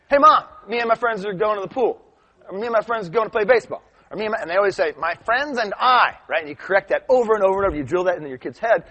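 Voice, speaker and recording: A man leading a live grammar workshop, telling stories with lively acted-out voices. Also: a little high, husky. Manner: animated storytelling, acts out quoted voices.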